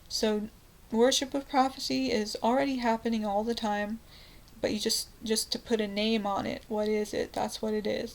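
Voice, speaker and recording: Woman, slightly high voice, self-styled prophet; rambling, fervent, full of restarts and fillers. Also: vocal fry, rough recording. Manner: rambling and fervent, with frequent restarts and "you know". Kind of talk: evangelizing monologue.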